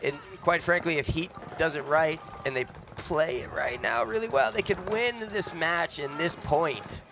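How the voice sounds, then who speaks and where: A man's voice: on the high side, unhurried. A man giving casual, opinionated color commentary on a paintball match, laughing easily with his co-hosts.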